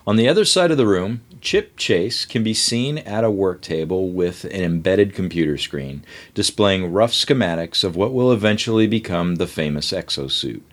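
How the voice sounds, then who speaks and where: A man hosting and narrating, reading the panel directions of a comic script aloud briskly. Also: low voice. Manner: brisk, reads panel directions, laughs between lines. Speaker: host and narrator.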